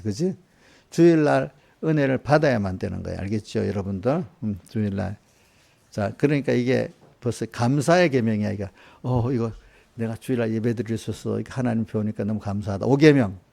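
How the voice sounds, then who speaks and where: A man's voice: medium pitch, gravelly, dark tone. A man pastor giving a conversational sermon, quizzing congregation members by name and acting out quoted voices. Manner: acts out voices in quoted asides. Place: church sanctuary.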